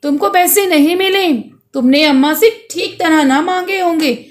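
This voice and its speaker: A woman's voice: very high voice, normal speed, voice pushed up. A woman reading the part of a kind, patient male street flute seller who coaxes children affectionately. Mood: coaxing. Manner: coaxing, affectionate toward children.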